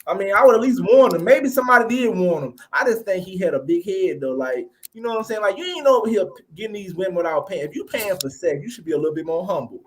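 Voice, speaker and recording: Guy hosting a podcast, talks fast n blunt, kinda high voice. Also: lively intonation. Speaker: podcast host. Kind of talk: casual commentary chat.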